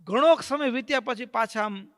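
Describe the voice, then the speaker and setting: A male preacher tells a devotional story with a dramatic delivery. His voice is high and bright, and he acts out the voices of the characters. The recording has a long hall echo. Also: normal speed.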